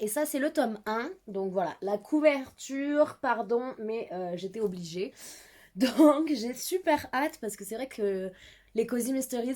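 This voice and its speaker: Chatty young Frenchwoman, slightly high voice. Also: a little mellow. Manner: chatty, giggly, self-mocking. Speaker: book vlogger. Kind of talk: casual book haul chat.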